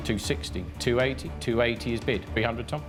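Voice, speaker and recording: A man's voice: mid-range voice, a little fast, over music. A man working as an auctioneer, calling out bids in a repeated chant of prices.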